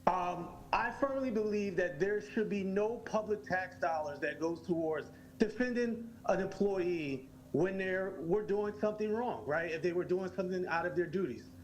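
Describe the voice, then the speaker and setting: A man giving a public comment at a school board meeting, halting with many fillers, then earnestly pleading with the board. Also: high-pitched, a little mellow, poor audio.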